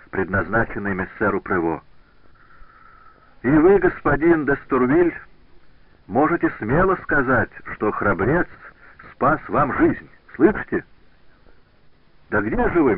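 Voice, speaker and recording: A man's voice: mid-range voice, very animated, unhurried, pauses often, slight background noise, pitched above the performer's own voice. A man voicing an impassioned master sculptor. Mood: insistent. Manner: emotional, exclamatory. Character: grieving passionate older master sculptor, commanding. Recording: tinny dry lo-fi radio recording.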